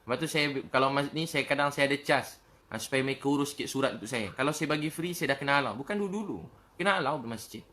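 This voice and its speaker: A man's voice: medium pitch, fast, pushed and bright. A man with a Malaysian accent giving an earnest, emotional sermon talk as a preacher, repeating his phrases over and over.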